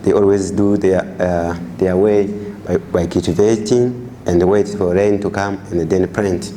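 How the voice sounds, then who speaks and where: Low, mellow Burundian man presenting haltingly. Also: fairly even intonation, a little hiss or hum. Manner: halting, searching for words. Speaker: international student presenter. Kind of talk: classroom presentation.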